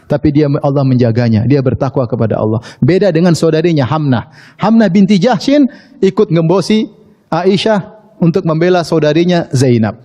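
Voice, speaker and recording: A man preaches and tells a story, acting out each quoted line with a lively swing in his voice. His voice sits high but sounds mellow and dark. It rings with the long reverb of a large hall. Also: normal speed, highs cut off. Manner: animated storytelling, acts out quoted speech, chuckles at his own asides. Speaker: Islamic preacher. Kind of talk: sermon storytelling.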